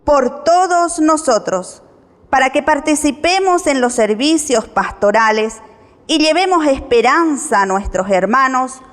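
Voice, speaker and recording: Female lector, high voice, slow formal reading, cathedral echo with long church reverb. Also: animated. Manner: measured, formal reading of prayers. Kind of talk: liturgical reading. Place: large church.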